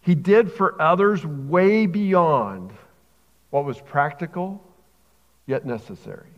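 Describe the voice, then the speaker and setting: A middle-aged man preaching a sermon, telling a story earnestly, sometimes growing quiet and emotional, sometimes pressing urgent questions. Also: a little high, animated, slow pace. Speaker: camp director preaching a guest sermon. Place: church sanctuary. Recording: muffled sound with long hall reverb.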